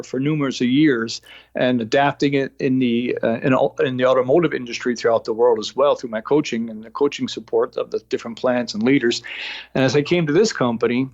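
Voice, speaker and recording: A man from New York with a faint New York accent, a lean coach talking as a podcast guest in a halting way, full of fillers and restarts. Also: mid-range voice, darkish tone, no room sound, lo-fi sound. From New York, United States. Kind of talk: casual interview talk.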